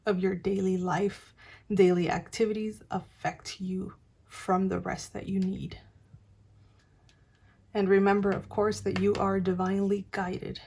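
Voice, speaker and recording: A woman's voice: mid-range voice, warm tone, breathy edge. A woman giving a casual, encouraging tarot reading to camera, chatty with many fillers. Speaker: tarot reader.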